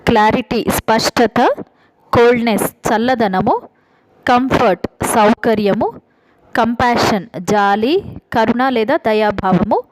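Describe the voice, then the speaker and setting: A woman with a Telugu accent teaching a spoken English class. She explains in a quick, chatty way, then reads out a vocabulary list at a steady pace. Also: fairly high pitch, poor audio. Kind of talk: vocabulary lesson, reading word lists.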